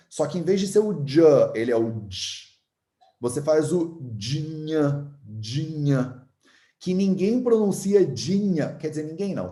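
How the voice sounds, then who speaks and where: Male Carioca teacher, chatty and patient, mellow voice, roomy echo. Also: a little high. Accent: Carioca Brazilian Portuguese. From Rio de Janeiro, Brazil. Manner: chatty, explains patiently, repeats sounds aloud. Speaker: Ayurveda and Sanskrit teacher. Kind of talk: casual online lesson.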